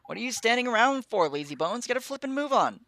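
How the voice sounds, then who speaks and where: A player voicing a brash, cheeky fairy lord, loud and slangy. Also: medium pitch, animated, normal speed, voice pushed up, close to an everyday voice. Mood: bossy.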